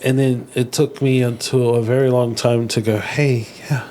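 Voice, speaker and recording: A New host chats openly and tells personal stories in a relaxed interview. His voice is middle-pitched and conversational. Faint background noise runs beneath it. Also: normal speed. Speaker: podcast host. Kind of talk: casual interview chat.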